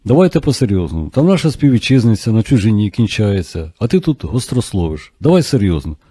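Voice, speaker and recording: A man's voice: lowish voice, sing-song, fast, mellow, husky, no echo, clean studio sound. A man voicing a bossy, chatty middle-aged female doctor in an audiobook.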